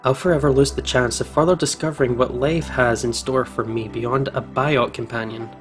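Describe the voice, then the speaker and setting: With music playing in the background, this man reads a visual novel aloud for a let's play, his mid-range voice moving at a moderate pace. His reactions are expressive and emotionally invested.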